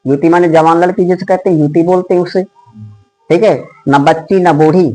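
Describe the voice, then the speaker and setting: A male Hindi teacher explaining a poem line by line for an exam, asking his students questions and chanting the verses slowly in a sing-song. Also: on the high side, steady tone, warm tone, low-quality recording. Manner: explains line by line, asks students questions, says "ठीक" often. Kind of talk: exam-prep poetry lesson.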